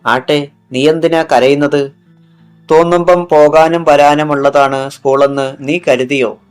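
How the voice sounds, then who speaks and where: A man's voice: a little high, fairly even intonation, measured pace, clear, resonant tone, soft background music, close to an everyday voice. A harsh, scornful schoolteacher, as a male narrator reads her. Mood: scolding. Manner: scolding, contemptuous. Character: harsh scornful woman schoolteacher, middle-aged.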